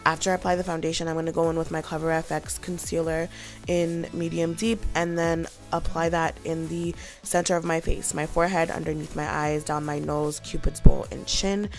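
A woman's voice: deep voice, flat delivery, moderate pace, soft background music. A young woman narrating a makeup tutorial in a casual, chatty, informal way. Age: young adult. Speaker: beauty vlogger.

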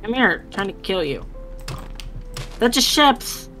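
Woman co-op gamer, teasing and goofy, slow chatty talk, bit of music behind. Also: medium pitch, lively intonation, fairly bright tone. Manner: playful teasing, silly wordplay. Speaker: co-player. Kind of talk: casual gaming chat.

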